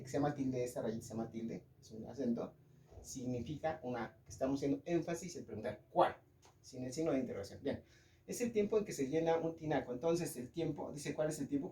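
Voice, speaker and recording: A young male physics teacher with a Mexican Spanish accent, his voice mellow and slightly higher than most men's. He walks through the lesson one step at a time and keeps checking that the class is following. The sound carries a noticeable room echo. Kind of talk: classroom lecture. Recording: echoey room.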